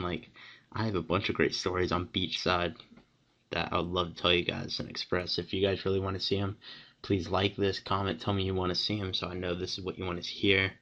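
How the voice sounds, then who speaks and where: Teenage boy, vlogger, low gravelly voice, rambling excited storytelling, dull lo-fi recording. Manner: rambling, excited, full of restarts and "like". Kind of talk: casual storytelling to camera.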